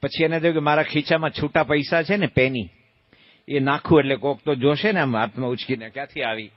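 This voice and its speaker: Brisk and a little high-voiced, a man who is a swami tells stories in a religious sermon, questioning his listeners and imitating voices in a folksy, playful manner. The audio is dull, with no echo.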